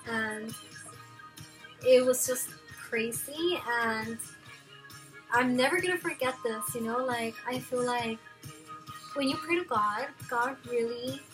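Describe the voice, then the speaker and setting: A young woman talks straight to the camera from home, spinning a personal story in loose, chatty sentences full of filler words. Her voice sits a little high. Clear music plays underneath her. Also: slow pace, pauses often, rough recording. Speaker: vlogger. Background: background music.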